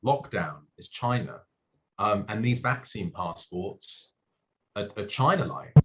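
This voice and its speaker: Low-voiced guy from hong kong on a podcast, keeps tripping over his words. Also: expressive, a bit bright. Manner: halting, many restarts and fillers. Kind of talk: casual podcast discussion.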